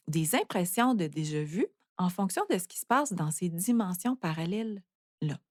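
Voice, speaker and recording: A woman's voice: fairly low pitch, darkish tone, dry recording, studio quality. A Canadian woman, hosting a spiritual talk and explaining things in a reflective way with many fillers. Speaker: spiritual podcast host. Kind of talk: calm explanatory monologue.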